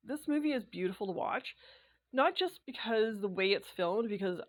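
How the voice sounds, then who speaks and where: A woman chatting casually to her camera, rambling along with fillers and little laughs. Her voice sits at a middle pitch and sounds slightly hoarse from dry indoor air. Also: lively intonation, moderate pace. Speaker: sewing and knitting vlogger.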